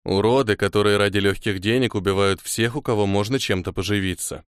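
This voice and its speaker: A man voicing a calm, knowing young male hero in an audiobook, matter-of-fact. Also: mid-range voice, moderate pace, no echo, studio quality, close to an everyday voice. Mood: grim.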